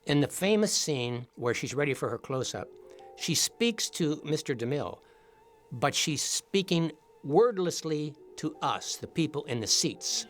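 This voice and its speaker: A man's voice: a little high, lively intonation, a little slow, soft background music. An older man, a former police officer turned author, reminiscing in a conversational, reflective way about a classic film. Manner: warm-hearted, reminiscing, conversational. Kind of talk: reflective interview commentary.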